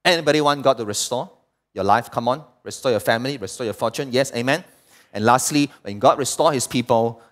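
A man preaching a sermon, swinging between loud outbursts and quiet asides and putting questions to the congregation. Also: medium pitch. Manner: asks the congregation rhetorical questions. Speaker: pastor.

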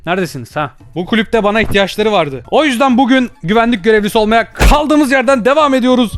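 A young man giving playful, teasing commentary while playing a VR game. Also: sits high. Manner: excitable, teasing, bursts of shouting and laughter. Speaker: gaming YouTuber. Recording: faint background music.

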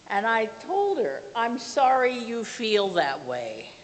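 An older woman, a lay speaker, stands at the pulpit of a small church offering an earnest, plainspoken testimony and prayer with slow, measured phrasing. Her voice is fairly high and sing-song. A far camera at the back of the room captures it in a reverberant hall with faint hiss.

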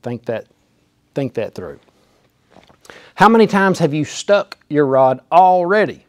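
Slightly high-voiced and very animated, a welding instructor in his forties speaks at a slow pace with no room sound. He demonstrates welding hands-on in a small indoor workshop, folksy and emphatic, with a clip-on lapel mic.

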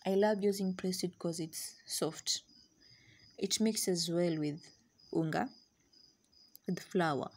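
A chatty young woman with a lowish, darkish voice hosts a casual cooking tutorial, speaking slowly with long pauses and moving between English and Swahili. She films in a small home kitchen, her camera sitting on the counter at medium distance.

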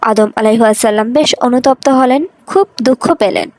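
A woman reading a scripted religious story in a measured, earnest storytelling manner. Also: a little high, darkish tone, no echo, poor audio.

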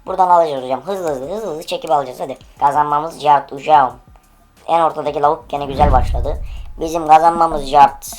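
A woman's voice: sits low, a little fast, a little mellow. A woman streaming an online case-opening game, giving live commentary in an impatient, profane way as she urges each spin aloud.

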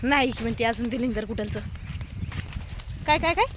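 A woman's voice: fairly high pitch, moderate pace. A woman with a Marathwada Marathi accent chatting casually in her vlog, teasing and scolding in banter while walking outdoors on market day, tired from carrying a heavy bag, recorded on a handheld phone. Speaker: vlogger. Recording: noisy outdoor street recording.

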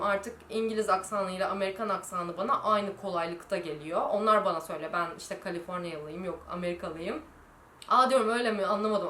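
Casting: young woman from Turkey, easygoing Q&A vlogger, mid-pitched voice, roomy echo. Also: fairly bright tone. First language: Turkish. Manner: chatty, storytelling, reads out viewer questions. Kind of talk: casual Q&A vlog.

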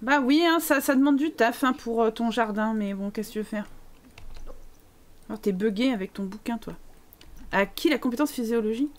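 A woman's voice: fairly high pitch, normal speed. A woman streaming a life-sim game live, chatting playfully to her characters and thanking viewers as she goes. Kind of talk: live gameplay commentary.

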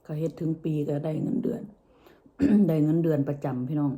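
A woman with a low, mellow voice and a northeastern Thai Isan accent. She talks to her viewers in a casual, folksy way, often softening phrases with polite particles. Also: a little fast. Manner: folksy, addresses listeners with frequent soft polite particles. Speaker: vlogger. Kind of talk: casual chat to viewers while eating.

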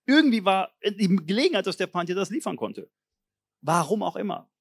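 Preacher with wildly swinging delivery. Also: male voice, big pitch swings, fairly quick, slightly rough, no echo, studio quality. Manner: swings between low intense murmurs and loud forceful exhortation; blunt colloquial preaching, direct address. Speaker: pastor. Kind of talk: charismatic sermon.

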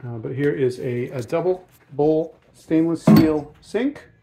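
A man who sells yachts, walking through a docked sailboat and describing it in a casual, unhurried way, often pausing with ums and uhs as he points things out. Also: a little high, over loud music. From United States. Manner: relaxed, thinks aloud with frequent ums and uhs. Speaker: yacht salesman giving a boat tour. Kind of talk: casual walkthrough narration. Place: aboard a docked sailboat, outdoors then in the cabin.

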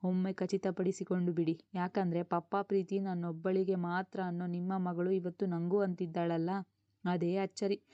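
Woman doing a playful mom, puzzled, even low voice. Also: normal speed, no room sound, dull audio, natural voice. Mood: teasing. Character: middle-aged mother, teasing and gentle.

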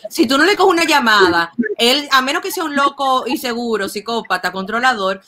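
A woman's voice: on the high side, lively intonation, a little fast, bright, forceful tone. A woman with a Dominican accent, co-hosting a casual podcast and making her points with emphatic, slangy repetition. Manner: emphatic, repeats words, slangy. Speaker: podcast co-host. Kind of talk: casual chat.

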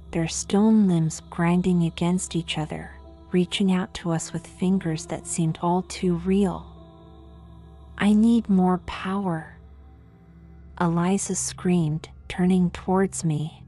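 A woman giving scripted horror narration, slow and grave. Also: fairly low pitch, steady tone, warm tone, faint music behind.

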